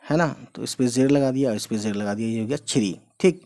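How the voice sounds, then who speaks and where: Male teacher of mid pitch running a relaxed step-by-step script lesson, mixing in English phrases. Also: fast talker. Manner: explains step by step, repeating each sound and using many fillers. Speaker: Urdu teacher. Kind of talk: casual whiteboard lesson.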